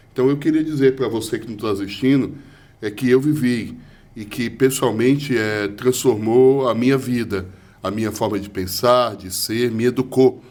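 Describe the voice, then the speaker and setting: A man's voice: fairly low pitch, a little mellow. A man hosting an interview, speaking conversationally with frequent tag questions. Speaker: interview host.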